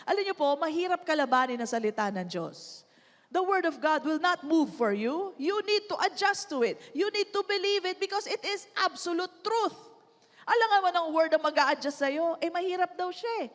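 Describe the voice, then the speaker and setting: A woman's voice: very high voice, expressive, normal speed. A woman pastor from the Philippines with a Filipino accent, preaching a sermon in a mix of English and Tagalog. She often prompts the congregation to say lines after her. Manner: mixes English and Tagalog, asks the church to repeat lines. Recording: long hall reverb.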